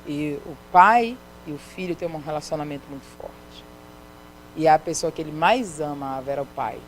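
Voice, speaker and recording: Speaking at a normal pace in a low voice, a middle-aged missionary woman with a Brazilian Portuguese accent delivers a storytelling sermon in a church sanctuary, voicing the dialogue herself. The low-quality recording carries a little hiss or hum.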